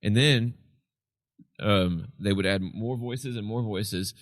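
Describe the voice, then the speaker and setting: A man's voice: lowish voice, slow, no room sound, clean studio sound. A man co-hosting a podcast, explaining things at length in casual chat with a tired voice. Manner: explains at length, sings snippets of chant to illustrate. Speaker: podcast co-host.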